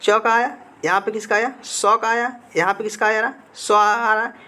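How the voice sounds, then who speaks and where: A man's voice: high-pitched, flat delivery, normal speed, sharp tone. Man teaching grammar in a question-and-answer style. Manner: asks the class questions, then answers them himself; repeats key words for emphasis. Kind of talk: classroom-style lesson with slides.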